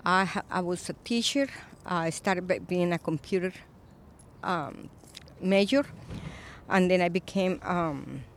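A Colombian-born woman in her fifties, an Episcopal priest, speaking thoughtfully in a recorded interview, with frequent pauses and fillers. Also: on the low side, slight background noise. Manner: reflective, soft-spoken with frequent pauses and fillers.

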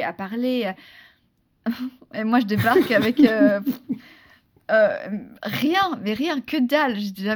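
A woman from France, a guest in a casual interview, telling a story in a lively, chatty way with many restarts and fillers. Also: medium pitch. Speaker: interview guest, former beauty pageant contestant.

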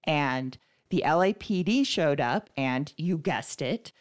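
Very low-voiced woman telling a story. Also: expressive, takes it slowly. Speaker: podcast co-host. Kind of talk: casual storytelling chat.

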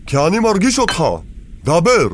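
A man's voice: high voice, animated, slight background noise. An actor playing a stern, protective older immigrant father who speaks broken Hebrew, in a radio drama.

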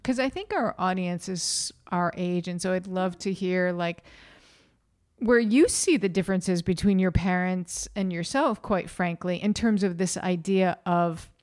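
A woman's voice: lowish voice, unhurried, darkish tone. A woman co-hosting a podcast, musing on ideas and steering the conversation in a thoughtful, conversational way. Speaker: podcast co-host. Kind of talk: casual chat.

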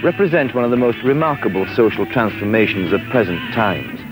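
A man's voice: fairly low pitch, animated, brisk, poor audio. A man giving formal, wry narration in an old 1960s newsreel played from archive. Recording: archive newsreel over loud music.

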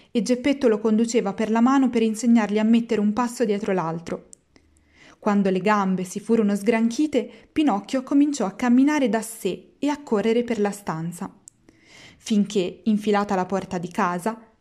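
Mellow woman reading a storybook aloud. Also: mid-range voice. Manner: measured, expressive read-aloud. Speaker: narrator.

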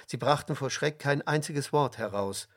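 A man reading a storybook aloud with slow, expressive narration and dramatic pauses. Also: mid-range voice. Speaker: reader.

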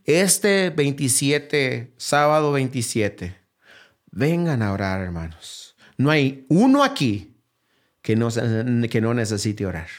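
Taking it slowly and with big pitch swings, a pastor preaches by piling up rhetorical questions. He dips low and quiet, then rises to a raised, higher, urgent plea.

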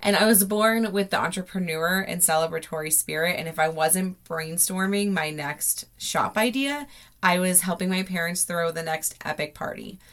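An American woman hosts a podcast from a closet, her voice sitting slightly low. She tells personal stories casually, in an informal, gushing way peppered with filler slang. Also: normal speed, fairly bright tone. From South Florida, United States. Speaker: podcast host. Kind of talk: casual, chatty personal storytelling. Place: inside a closet at home.

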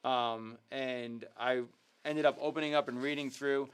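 A man of ordinary pitch hosts a youth ministry livestream. He talks in a casual, earnest and upbeat way, filling his sentences with ums and uhs. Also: fairly even intonation, measured pace, smooth. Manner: filler-heavy, earnest, upbeat. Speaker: youth ministry leader and host. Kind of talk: casual livestream talk with devotional teaching.

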